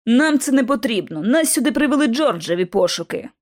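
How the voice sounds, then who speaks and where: Woman reading as young male agent, cool, mocking, audiobook, lively intonation. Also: fairly high pitch, brisk. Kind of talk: audiobook narration.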